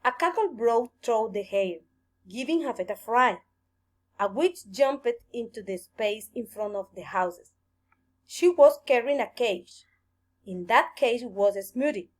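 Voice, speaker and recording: Slow, expressive woman reading a children's story. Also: a little high.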